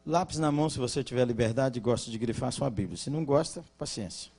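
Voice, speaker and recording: A man with a Brazilian Portuguese accent preaching at a conference, joking with the congregation and asking them to respond, then dropping into quiet, earnest teaching. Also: medium pitch, fast talker. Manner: swings from loud jokes to quiet earnest teaching. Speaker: pastor. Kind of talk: conference sermon.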